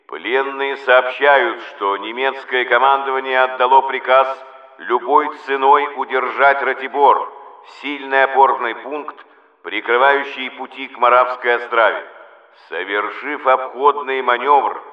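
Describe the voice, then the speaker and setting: Casting: male wartime radio announcer, solemn, declamatory and measured, on a dull, reverberant vintage broadcast recording. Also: medium pitch. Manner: solemn, declamatory, measured delivery with weighty pauses. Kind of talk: solemn 1940s wartime radio bulletin reading. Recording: old muffled, echoey radio recording.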